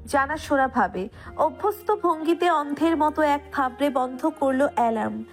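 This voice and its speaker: A woman narrator reading a scripted romantic story in expressive literary prose. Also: high voice, normal speed, soft background music.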